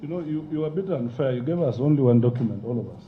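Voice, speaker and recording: A man's voice: mid-range voice, animated, racing, slight background noise. A man, testifying before a parliamentary committee, emotional and insistent, talking over the questioner. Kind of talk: heated testimony at a hearing. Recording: muffled lo-fi broadcast audio.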